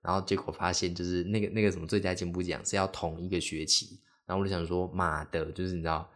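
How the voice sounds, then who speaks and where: A man's voice: sits low, little pitch movement, quick pace. A young man hosts a solo podcast, telling stories in a rambling way, full of fillers and acted-out quotes. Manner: rambling, heavy on fillers, acts out quoted speech. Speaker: podcast host. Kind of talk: casual solo podcast storytelling.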